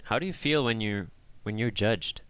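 A man hosting a discussion show, telling a story in a calm, measured way and then talking with his guests. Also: on the low side, clean tone. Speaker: host. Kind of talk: scripted narration and discussion hosting.

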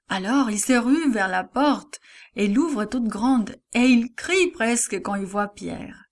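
A woman narrating a children's Bible lesson, speaking slowly and expressively and dropping to a hush at times. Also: medium pitch. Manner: slow and expressive, with hushed asides.

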